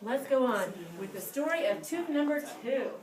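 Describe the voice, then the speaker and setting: A woman's voice: high voice, animated, moderate pace. A woman playing the tooth fairy and telling a dramatic story to a school class, with squeals and cheers. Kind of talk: animated storytelling to children. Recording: roomy, distant with room noise.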